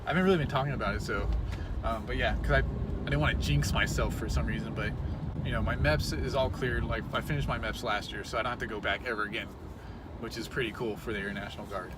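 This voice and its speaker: A man's voice: on the low side, fairly even intonation, quick pace. A man in his thirties talking casually to camera from his car in traffic, rambling and self-conscious with many restarts. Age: 30s. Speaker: vlogger. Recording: loud road noise, mic far off.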